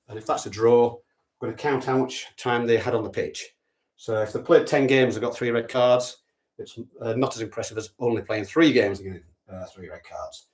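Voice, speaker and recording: A man's voice: medium pitch, recorded from a distance. A man hosting a sweepstake draw in a casual, chatty way with dry, offhand humour. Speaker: sweepstake host. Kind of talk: casual live draw commentary. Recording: echoey room, voice off-mic.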